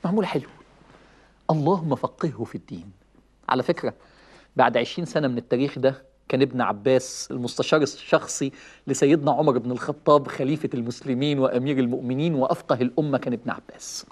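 A man with an Egyptian Arabic accent giving a lively religious talk, telling stories, chuckling and acting out quoted lines. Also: medium pitch, very fast. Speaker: preacher.

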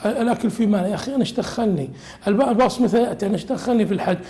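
A man delivers a religious lesson as a sheikh, explaining a classical text. His voice sits high and he talks quickly. He keeps it lively with humorous asides.

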